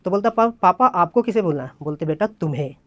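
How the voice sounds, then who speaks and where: A man's voice: high-pitched, fast talker, no room sound. A young man at an open mic stage, telling a comic story and acting out his friends' voices as he goes. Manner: acts out friends' voices in a lively retelling. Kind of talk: stand-up storytelling.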